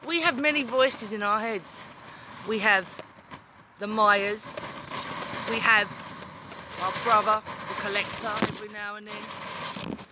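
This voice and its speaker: A woman doing a slow, cackling demon queen. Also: medium pitch, noisy background, close to an everyday voice. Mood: menacing. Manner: menacing, slow, with cackling laughs. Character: gloating female demon queen of the underworld. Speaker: wrestling promo villain. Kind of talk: villain promo monologue.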